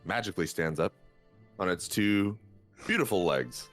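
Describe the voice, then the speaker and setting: A man running a tabletop game as dungeon master, narrating in a relaxed way with frequent fillers. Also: low-pitched, moderate pace, soft background music.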